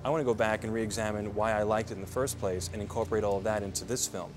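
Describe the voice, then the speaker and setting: Low-voiced man interviewed over music. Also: fairly even intonation, fast talker. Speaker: film director. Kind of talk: behind-the-scenes interview.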